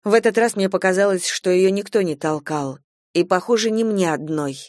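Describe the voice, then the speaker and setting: A woman narrating a story in the first person, in an even storytelling manner. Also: medium pitch, normal speed, dry recording, studio quality. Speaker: audiobook reader.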